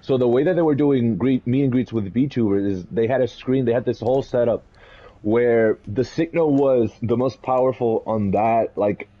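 A man from Puerto Rico co-hosting a podcast, telling stories in an animated, rambling way with quick laughs. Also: medium pitch, dull audio. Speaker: podcast co-host. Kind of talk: casual chat.

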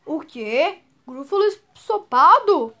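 A woman voicing a big, hungry, gullible male forest monster in a storybook reading, in a slow, booming, gloating voice. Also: very animated. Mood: alarmed.

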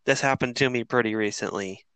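A man's voice: medium pitch, a little fast, smooth, no room sound, low-quality recording. Profane, rambling middle-aged man. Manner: profane, rambling, animated storyteller. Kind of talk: casual storytelling chat.

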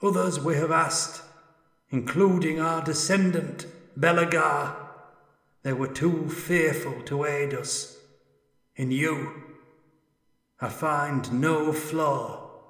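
A man's voice: fairly high pitch, fairly even intonation, slow pace, long pauses, fairly bright tone, voice pushed up. A man voicing a mournful ancient dwarf ghost. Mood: solemn. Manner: mournful, echoing with ages of suffering. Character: ancient male dwarf ghost, anguished and pleading.

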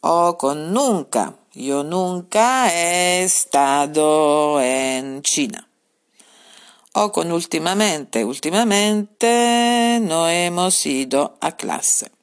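A woman's voice: on the low side, lively intonation, drawn-out words. A woman teaching grammar in a recorded podcast lesson, patiently repeating her points and spelling out examples. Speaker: language teacher.

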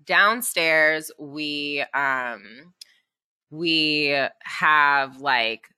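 A woman's voice: deep voice, drawn-out words, sharp tone, clean tone, no room sound. A woman talking in a casual podcast chat, chatty with lots of fillers and frequent laughs.

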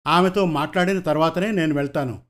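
A man voicing a kind doctor who speaks gently and reassuringly in a storybook reading. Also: a little high, a little fast, lightly acted. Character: calm, kindly male doctor, reassuring.

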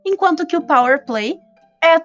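A woman's voice: extremely high pitch, animated, normal speed, fairly bright tone. A Brazilian woman co-hosting a podcast in casual, chatty speech. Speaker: podcast host. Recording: slightly muffled band, music behind.

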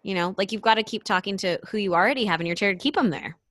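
A woman's voice: medium pitch, racing, fairly bright tone, no room sound. A young woman hosting a podcast in a casual chat, talking loosely with many "like" fillers and frequent laughs. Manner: chatty, lots of "like" fillers, laughs often. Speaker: podcast host and coach.

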